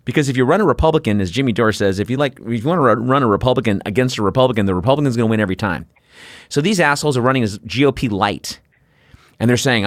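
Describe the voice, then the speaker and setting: A male host talks politics in a blunt, profane rant, with his pitch leaping up and down as he gets worked up. His voice is recorded dry and close, with no room sound. He mixes sarcastic mock quotes into his storytelling. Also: dry recording. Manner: blunt, profane, ranting delivery. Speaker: podcast host. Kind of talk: political talk show conversation.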